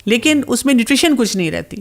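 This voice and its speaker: A woman's voice: a little high, animated, gravelly. Woman explaining diet advice, chatty. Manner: explanatory, sprinkles in English words; acts out other people's replies in quotes. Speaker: health and diet expert. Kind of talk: casual talk-show chat.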